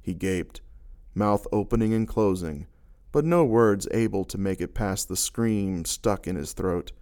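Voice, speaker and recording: A man narrating a dark fantasy story with slow, dramatic delivery. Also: sits low.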